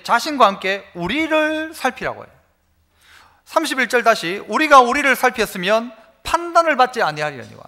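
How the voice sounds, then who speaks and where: Bright, lively-voiced male pastor preaching. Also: very high voice. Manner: emphatic preaching, has the congregation repeat phrases; storytelling with homely examples. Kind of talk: sermon. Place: church service.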